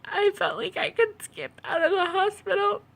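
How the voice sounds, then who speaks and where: Tearful, high-voiced woman, halting. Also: steady tone, gravelly, a bit bright. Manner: halting, hesitant, repeats phrases. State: tearful, upset, as after crying. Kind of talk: personal video monologue about own experiences.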